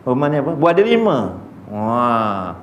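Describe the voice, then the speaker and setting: A man's voice: medium pitch, very animated, measured pace, slight background noise. A man giving a humorous religious lecture, telling stories and talking directly to his audience. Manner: storytelling, jokey, addresses the audience directly. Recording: echoey room, faint ambience.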